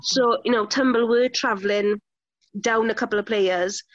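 A woman's voice: on the high side, steady tone, normal speed. A woman co-hosting a podcast, reading out results in a sing-song rhythm in casual chat. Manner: lists scores in a sing-song caller rhythm. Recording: dry, slightly muffled podcast audio.

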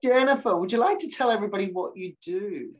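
This podcast host, a woman whose accent blends English and Australian, runs an interview and listens to her guest with encouragement and attention. She speaks quickly and expressively in a mid-range voice, though the audio sounds dull.

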